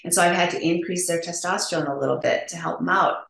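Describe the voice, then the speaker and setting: In a podcast interview with a roomy echo, a woman clinician plainly explains testosterone treatment options. Her voice is on the low side, gravelly and fairly bright, and her manner is practical and explanatory, with a quick laugh.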